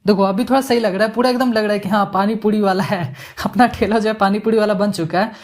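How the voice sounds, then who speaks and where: A man giving a casual, joking software tutorial, mixing English words into his Hindi as he works. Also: high voice, fairly even intonation, fast. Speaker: animation tutorial instructor.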